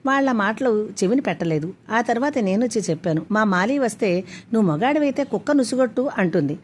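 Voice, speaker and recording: A woman voicing a shrewd older village woman who talks in a loud, commanding, rustic way to settle a quarrel. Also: on the high side, lively intonation, brisk, slight background noise, close to an everyday voice.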